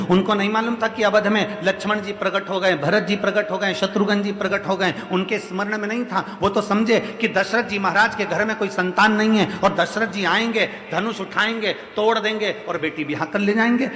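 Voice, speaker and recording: A man's voice: high-pitched, moderate pace, hardly any pauses, fairly bright tone. A man telling a devotional scripture story as a sermon, repeating his phrases in a chant-like way. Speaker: religious storyteller. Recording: echoey reverberant hall.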